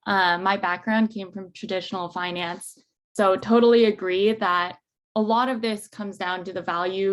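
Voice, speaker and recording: A friendly woman co-hosting an online webinar, chatting casually and filling her pauses with ums. Her voice sits at a medium pitch and comes through a remote call microphone. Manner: friendly, filler-heavy. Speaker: webinar co-host, product manager.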